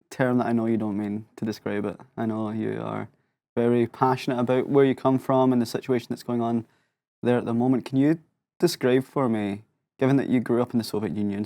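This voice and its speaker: A man hosting a podcast interview, effusive and generous with praise. His voice sits at a middle pitch and sounds dry and close, with no room echo. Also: gravelly, warm tone. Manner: effusive, complimentary. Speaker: podcast host. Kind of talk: casual interview chat.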